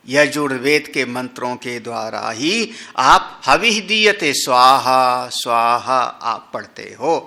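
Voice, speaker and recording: A man's voice: mid-range voice, pushed and bright. A man, a swami, giving a scripture discourse, chanting Sanskrit lines, explaining them in Hindi and sounding out syllables for his listeners. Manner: demonstrates syllable sounds and tones aloud. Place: ashram hall.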